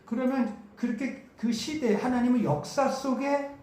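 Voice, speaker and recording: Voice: high voice, unhurried, darkish tone. Camp preacher, hammers the same words over and over, keeps asking the crowd stuff, big echoey church hall. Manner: emphatic, repeats key words, asks the audience questions. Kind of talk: sermon. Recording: very echoey hall with faint noise.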